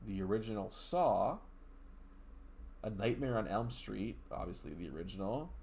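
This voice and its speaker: A man's voice: lowish voice, lively intonation, normal speed, creaky, a little mellow. A man hosting a podcast, talking casually and steering the conversation. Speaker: podcast host.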